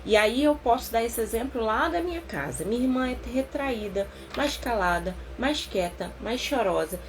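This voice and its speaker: A Brazilian woman therapist leading a casual live book-club talk, chatty and expressive, slowing down to stress her points. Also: on the high side, background noise. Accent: Brazilian Portuguese.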